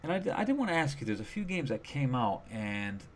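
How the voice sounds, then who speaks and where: A man's voice: mid-range voice, sing-song, quick pace, slight background noise. A man co-hosting a gaming podcast, chatting casually and rambling with lots of fillers and restarts. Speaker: podcast co-host. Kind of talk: casual chat.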